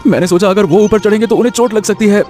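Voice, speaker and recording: Man doing playful young village guy, high voice, teasing, coaxing, cartoon, light music. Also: rapid-fire, darkish tone, natural voice. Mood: earnest. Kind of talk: Hindi cartoon voice acting.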